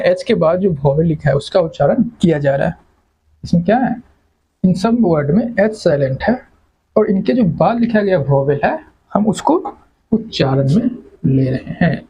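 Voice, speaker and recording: A man's voice: high-pitched, dark tone, husky, lo-fi sound. A man teaching English grammar to exam students, repeating words and quizzing the class with questions. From India. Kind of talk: classroom lecture.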